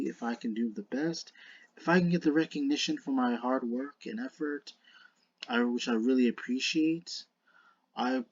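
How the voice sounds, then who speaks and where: A man with a slushy lisp on his s sounds gives casual, unscripted commentary to viewers as a video creator, earnest and halting, often restarting his words. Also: medium pitch, no echo, dull audio. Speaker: video creator narrating a card game duel.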